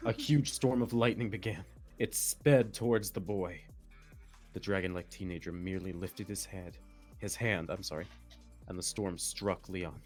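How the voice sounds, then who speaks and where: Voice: sits low, normal speed, darkish tone, faint music behind. Someone reading fan fiction aloud in a melodramatic way, with joking asides. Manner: melodramatic narration, breaking into laughter and asides. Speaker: reader of a story, with commentary.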